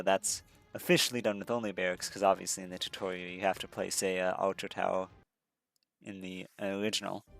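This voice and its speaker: A man's voice: deep voice, gravelly, a bit bright. A man casually commenting on his own gameplay, rambling and correcting himself with lots of fillers. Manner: rambling, self-correcting, frequent fillers and restarts. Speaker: let's-play commentator.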